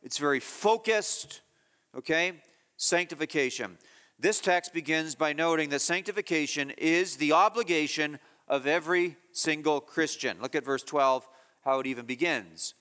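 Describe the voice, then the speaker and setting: A man's voice: on the high side, moderate pace, pushed and bright, smooth, long reverb tail. A man preaching an expository sermon, emphatic and repetitive, rising sharply on key phrases. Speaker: pastor.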